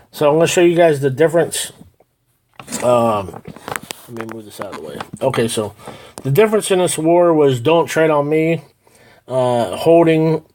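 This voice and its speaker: A middle-aged man giving casual gameplay commentary, explaining his moves step by step with a rambling, halting delivery full of "uh"s. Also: mid-range voice, darkish tone. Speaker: gaming channel host.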